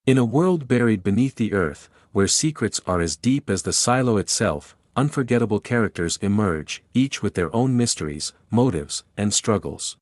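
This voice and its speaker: Low-voiced man narrating, dry close sound. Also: expressive, moderate pace, hardly any pauses, darkish tone, no room sound. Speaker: video narrator and host. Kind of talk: scripted narration.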